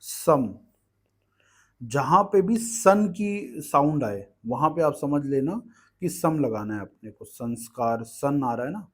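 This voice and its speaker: In an exam-prep grammar class, a male teacher speaks slowly and expressively at medium pitch, with a slightly bright tone. He's patient in his explanations and repeatedly asks the class "ठीक है" to make sure they follow.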